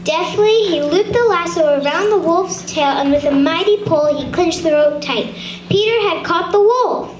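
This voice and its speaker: In an echoey, noisy room far from the mic, a woman with a very high voice narrates a puppet show by reading a children's story aloud. She speaks at a moderate pace and sometimes stumbles over the words.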